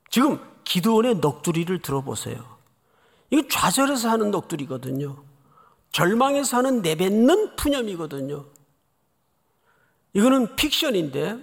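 A man preaching an expository sermon as pastor, dramatic, swinging between loud cries and hushed asides. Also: high voice, gravelly. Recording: long hall reverb.

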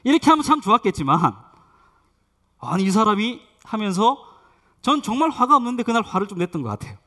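A middle-aged male pastor delivers a sermon in a high, very lively voice. He tells stories with animation and asks the congregation questions. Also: fast talker.

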